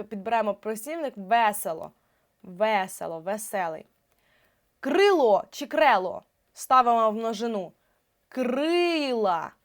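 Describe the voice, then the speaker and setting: A young woman teaching a spelling lesson online, explaining patiently and drawing out the example words clearly. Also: a little high.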